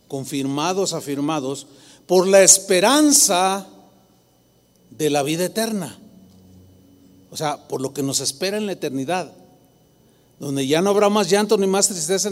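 Man, Mexican Spanish accent, high-pitched, pastor's sermon, animated, long church reverb. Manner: animated preaching, mimicking voices of congregants. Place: large church hall.

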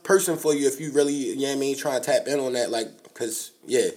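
A man, co-hosting a podcast in animated, joking slang. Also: mid-range voice, quick pace. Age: 20s. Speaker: podcast co-host. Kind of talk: casual podcast chat.

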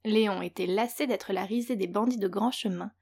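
Woman reading a kids' story out loud, playful, talks right to the little listener, mid pitch. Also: fairly quick, husky. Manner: playful, speaks directly to the young listener. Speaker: storyteller and host of a children's audio story show. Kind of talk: scripted narration for children.

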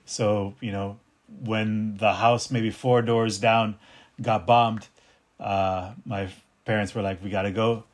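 A middle-aged man, born in Detroit and raised partly in North Africa, speaking in a reflective, unhurried way as a martial arts teacher in a casual interview. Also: fairly low pitch, flat delivery. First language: Arabic. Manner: reflective, unhurried, with frequent restarts. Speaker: capoeira teacher and martial artist.

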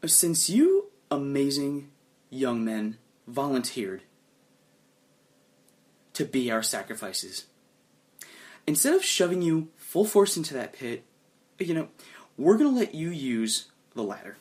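A smug crowd leader, voiced by a man at the game table, drawls in a slow, falsely cheerful and patronizing way. The pitch swings widely as he sweeps his victims along. It sounds like a game master briefly putting on a character. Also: very animated, darkish tone. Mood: mock-friendly. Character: smug male leader of a crowd, mock-friendly. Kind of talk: tabletop game role-play.

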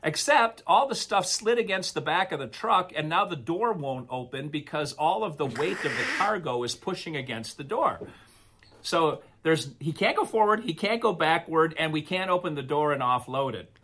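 A man with a bright, forceful voice that sits a little high. He tells a long story in an animated, rambling way, swinging up and down as he goes. It is the relaxed, casual storytelling of a podcast co-host. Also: moderate pace.

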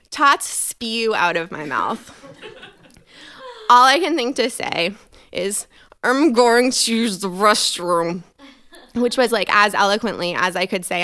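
Bright, animated woman telling a comic story. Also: fairly low pitch. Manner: animated, acting out quoted voices; self-mocking and wry. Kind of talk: comic first-person storytelling.

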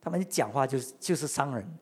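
A preacher giving a sermon, retelling a story with many rhetorical questions and swings between loud and quiet. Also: mid-range voice, expressive, fast, husky.

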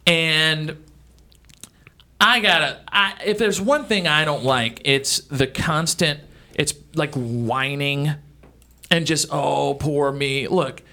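A man's voice: mid-range voice, bright, forceful tone. A man in his forties hosting a radio talk show, rambling with lots of fillers and restarts as he grumbles about people who whine. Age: 40s. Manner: grumbling, mocking complainers. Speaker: radio host.

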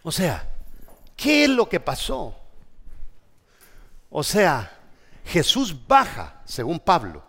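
A man's voice: on the high side, wildly swooping pitch, slow, creaky, long pauses, a bit bright. A man preaching a sermon as pastor, emphatic and full of rhetorical questions. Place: church. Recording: echoey church hall.

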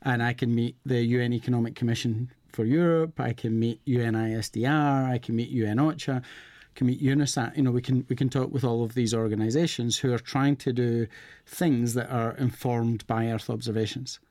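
A man's voice: mid-range voice, fairly even intonation, fairly quick, a little mellow, dry recording. Man, close and dry on mic. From Scotland. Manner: conversational, with occasional restarts. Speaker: guest, head of external relations. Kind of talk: interview answers. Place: radio studio.

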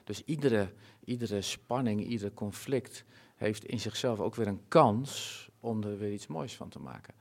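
Earnest, low-voiced Dutch-speaking man. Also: expressive, unhurried, vocal fry. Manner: earnest, reflective, many fillers and restarts. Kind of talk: conversational interview.

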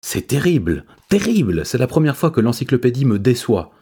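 A gushing, know-it-all tomcat with a raised, lively voice that leaps upward on every exclamation and stumbles over big words, as a man reading a storybook puts him on. The tone stays dark and husky underneath. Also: mid-range voice, fairly quick, voice pushed up. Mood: excited. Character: excitable know-it-all male cat, bookish.

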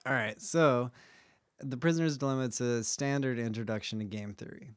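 A man's voice: mid-range voice, no echo, studio quality. Laid-back young man hosting a podcast. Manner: laid-back, joking, quick asides. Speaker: podcast host. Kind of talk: casual explainer chat.

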